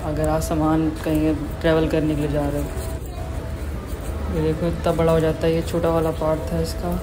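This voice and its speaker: A man's voice: fairly high pitch, monotone, normal speed. A young man from India giving a casual walking tour as a vlogger, chatting like a tour guide while filming on his phone in a metro and a mall. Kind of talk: casual walking vlog narration. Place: metro and shopping mall, indoors. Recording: noisy phone recording on the move.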